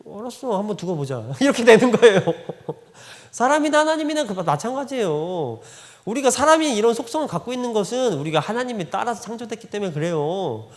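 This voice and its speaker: A man's voice: very high-pitched, very animated, brisk. A male pastor giving a Sunday sermon in a church, telling stories conversationally and acting out the dialogue. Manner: conversational storytelling, acting out quoted dialogue, frequent laughter. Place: church sanctuary. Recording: long reverb of a church hall.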